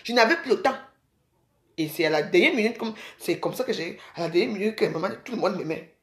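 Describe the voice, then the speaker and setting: A woman's voice: medium pitch, lively intonation, fast, roomy sound. A woman from Cameroon, rambling casually to her viewers and calling them sisters. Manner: chatty, addresses viewers as sisters. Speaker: vlogger.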